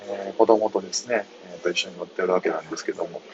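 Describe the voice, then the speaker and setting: A man with a very deep voice murmurs softly into his phone while riding a bus. He chats casually with his listeners, keeping his voice low. The audio is muffled, with steady bus noise behind him. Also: racing. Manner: mumbling quietly, reading listener comments. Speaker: live-stream host. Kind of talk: casual live chat. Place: on a moving city bus.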